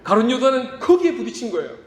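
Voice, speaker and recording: Pastor, male, high and lively sermon delivery, hushed then loud, echoing church hall. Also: fast talker, slight background noise. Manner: swings from hushed to loud emphatic preaching. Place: church sanctuary. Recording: reverberant church hall, faint ambience.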